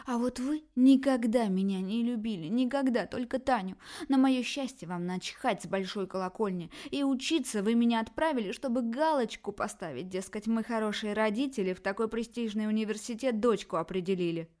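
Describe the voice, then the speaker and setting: A woman voicing a shrill, spoiled pregnant young woman who shrieks her accusations. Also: animated, normal speed, a little mellow. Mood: shrill, furious.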